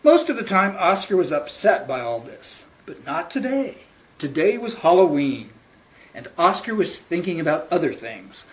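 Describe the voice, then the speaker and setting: A man reading a picture book aloud to children as a librarian at storytime, with theatrical, deliberate phrasing. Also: a little high, sing-song, rough recording.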